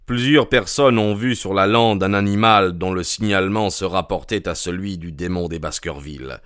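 A man voicing a grave, cautious male country doctor in an audiobook, measured and earnest. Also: low-pitched, a bit bright, smooth, no echo, clean studio sound. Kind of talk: audiobook character reading.

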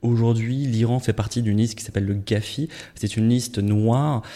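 Hesitant low-voiced Frenchman. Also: steady tone, normal speed, warm tone. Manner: hesitant, many "euh" fillers. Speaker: interviewee. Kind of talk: explanatory interview answers.

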